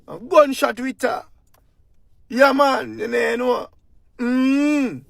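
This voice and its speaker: A man's voice: very high-pitched, steady tone, takes it slowly, creaky, no room sound, studio quality. A man with a Jamaican accent delivering an impassioned political commentary rant in heavy patois, full of rhetorical questions.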